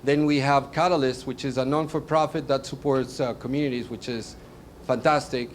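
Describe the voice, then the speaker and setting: A man introducing a panel at a live event, speaking in a halting way with frequent restarts and fillers. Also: mid-range voice, steady tone, a little hiss or hum. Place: meetup event venue.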